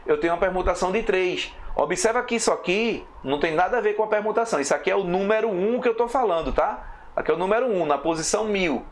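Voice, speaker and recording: A man with a slightly high voice teaches a recorded math lesson. He explains step by step, counts slowly and keeps checking that his students follow. Faint background noise sits under his voice.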